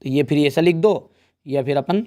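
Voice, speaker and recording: A young male teacher talks through a revision lesson one step at a time. His voice sits a little high, and he keeps checking in with his students in a friendly, easy way. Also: moderate pace, mellow.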